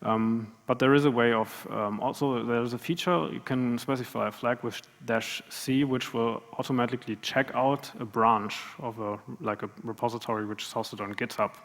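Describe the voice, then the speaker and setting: At a conference, a man runs a live coding demo in a large room with long hall reverb, speaking hesitantly with lots of fillers and restarts. His mid-range voice is steady and fairly bright, at normal speed with few pauses.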